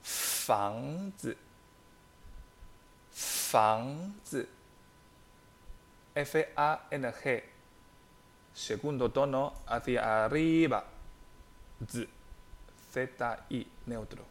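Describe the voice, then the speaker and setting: A young man whose first language is Chinese, teaching in a podcast lesson, spelling out words and tones slowly and deliberately. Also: medium pitch.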